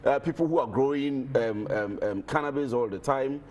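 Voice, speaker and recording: A man's voice: mid-range voice, normal speed, a little mellow, muffled recording. Man hosting a discussion. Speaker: host. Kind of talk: conversational interviewing.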